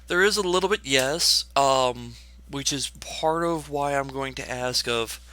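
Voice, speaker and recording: A man running a tabletop game as game master, unhurried, checking his notes and laughing easily. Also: medium pitch, pushed and bright, clear, resonant tone.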